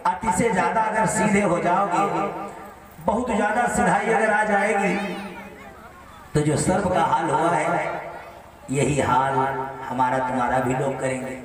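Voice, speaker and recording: A man from Uttar Pradesh delivering a lively devotional storytelling sermon through a PA to a large gathering. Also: fairly high pitch, unhurried. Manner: lively, animated storytelling with many voices. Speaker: katha storyteller. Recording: echoey hall from far off with crowd. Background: audience crowd.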